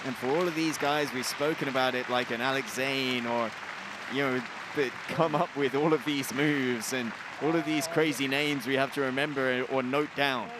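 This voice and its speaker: A man's voice: mid-range voice, fairly even intonation, moderate pace. Analytical man doing wrestling color commentary. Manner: analytical, breaking down technique. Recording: loud arena crowd and noise.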